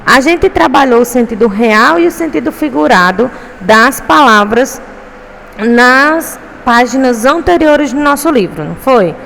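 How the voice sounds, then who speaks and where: A woman's voice: high voice, animated, a little slow, gravelly, fairly bright tone. A woman teacher with a Brazilian Portuguese accent, giving a recorded lesson to pupils, patient and often checking in with them. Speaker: primary school teacher. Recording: echoey room with faint traffic noise.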